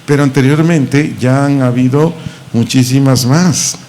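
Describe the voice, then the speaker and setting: A man with a Mexican Spanish accent, teaching a Bible lesson as pastor, slowly repeating and spelling out words. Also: mid-range voice, a little mellow, a little hiss or hum. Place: church auditorium.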